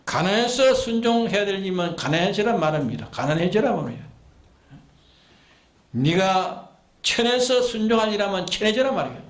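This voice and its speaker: Male pastor, high pitch, preaching in a reverberant sanctuary, drives home repeated commands and rhetorical questions. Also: big pitch swings, moderate pace. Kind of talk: sermon. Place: church sanctuary.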